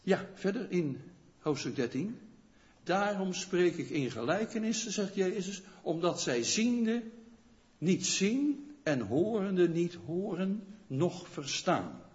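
Guy preaching a sermon, kinda high voice that swings up and down a lot, keeps going "yes?" at the crowd, dull lo-fi recording. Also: lively intonation, slow pace, a little mellow. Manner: conversational preaching, often checks in with a questioning "yes?"; rhetorical questions to the listeners. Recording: long church reverb, dull lo-fi sound.

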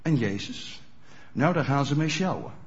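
A man's voice: mid-range voice, expressive, moderate pace. A man preaching a sermon in a conversational way, often checking whether listeners are following, in a dull lo-fi recording. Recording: dull lo-fi sound.

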